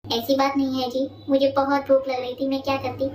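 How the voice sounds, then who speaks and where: A woman's voice: high-pitched, monotone, fairly quick, a little mellow, natural voice. A woman voicing a hungry young daughter-in-law who talks nervously and fibs in a cartoon story. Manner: nervous, fibbing. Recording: echoey room, distant mic, noisy.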